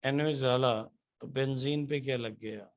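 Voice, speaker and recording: A man's voice: medium pitch, steady tone, moderate pace. A man teaching chemistry to a class. He keeps asking the students questions and answers them himself, and he spells out formulas letter by letter. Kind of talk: classroom lecture.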